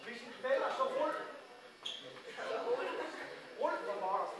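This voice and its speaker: A man directing a school play rehearsal, giving brisk instructions while thinking aloud, recorded from a distance in a large school hall. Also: very high voice, lively intonation, a crowd in the background. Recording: echoey hall from far off, noisy.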